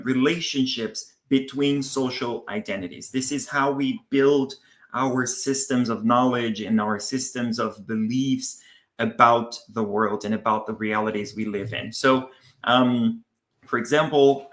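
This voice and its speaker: A man from Brazil giving a conference talk to teachers, pausing often with ums and restarting his sentences. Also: mid-range voice, fairly bright tone. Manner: hesitant, with many ums and restarts. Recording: roomy echo.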